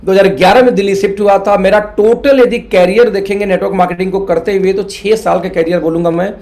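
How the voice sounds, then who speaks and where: A man's voice: sits high, fairly even intonation, fast, a little mellow. A middle-aged man from India, an earnest, persuasive network marketing mentor who mixes English words into his Hindi and addresses listeners as friends. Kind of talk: motivational business talk.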